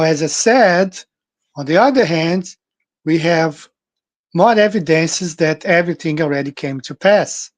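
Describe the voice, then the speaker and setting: A man's voice: fairly high pitch, dry recording. An earnest man talks through his thoughts in a slightly raised voice, stopping and restarting as he goes. The recording is dry and close, with no room sound around him. He sounds like someone speaking alone to his channel's viewers. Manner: earnest, halting, with many restarts and fillers. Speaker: channel host. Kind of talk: casual monologue on scripture.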